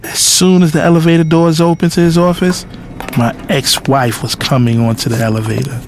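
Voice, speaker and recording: Brisk and a little high, with little pitch movement, a man's near-everyday voice carries a first-person audio drama as narrator and lead character, a cocky, lovestruck adult son telling his story candidly and intimately through narration and dialogue. There's a noisy background.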